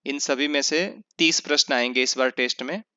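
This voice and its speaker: Bright, clear-voiced male teacher. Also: medium pitch, fairly even intonation, no room sound. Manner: explains step by step, asking and answering his own questions; slows down to spell out sounds and example words. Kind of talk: online revision lecture. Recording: dull lo-fi sound.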